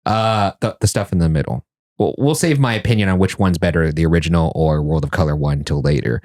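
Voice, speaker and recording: Joking podcast host, low voice. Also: male voice, brisk. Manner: jokey, self-mocking, animated asides. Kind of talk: casual podcast chat. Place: indoor podcast studio.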